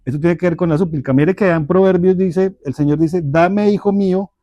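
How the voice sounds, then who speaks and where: A man with a Colombian Spanish accent teaching a church parenting class in a calm, explanatory way, often checking in with his listeners. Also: on the high side, brisk, no room sound, dull audio. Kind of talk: Bible teaching in a small group discussion.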